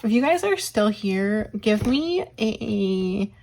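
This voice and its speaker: A woman hosting a budgeting vlog, counting bills aloud and thinking out loud while losing her voice. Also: mid-range voice, very animated, takes it slowly, gravelly, background noise. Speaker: budgeting channel host. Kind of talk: casual counting-along vlog.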